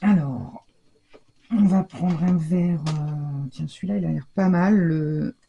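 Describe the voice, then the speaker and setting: A woman's voice: sits low, slow pace, vocal fry, dark tone, a little hiss or hum. An older woman chatting casually through a scrapbooking tutorial from her home craft room, thinking aloud as she works. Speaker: scrapbooking vlogger. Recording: dull lo-fi sound.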